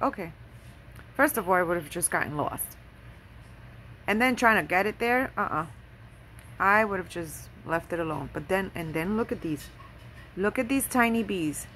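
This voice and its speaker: A woman vlogger gushing over handmade craft gifts in a casual show-and-tell, excitable and full of fillers. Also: medium pitch, a little hiss or hum.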